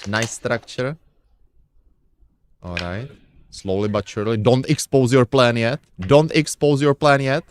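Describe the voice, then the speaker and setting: A man's voice: medium pitch, measured pace, long pauses, clean tone. A man with a Czech accent giving live backgammon commentary, chatty and playful, often repeating his phrases.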